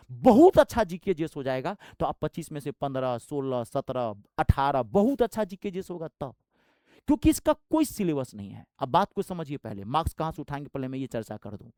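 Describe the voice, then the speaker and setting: Man, exam coach, blunt fiery pep talk, lively swinging pitch, dry sound. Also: dry recording. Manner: fiery and blunt, with rustic slang. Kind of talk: motivational exam-prep talk.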